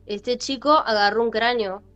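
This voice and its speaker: A woman's voice: on the high side, fairly even intonation, normal speed, fairly bright tone. A woman with a Rioplatense Spanish accent hosting a podcast, telling a story casually and animatedly, with many fillers and repetitions. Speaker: podcast host. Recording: lo-fi with faint music.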